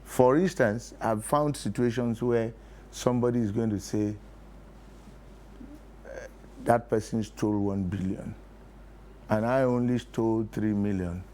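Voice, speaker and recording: A Nigerian play producer, middle-aged or older, is interviewed on a TV talk show and drives his points home by repeating key phrases. He speaks slowly in a lowish, dark voice with long pauses; the audio has clear background noise.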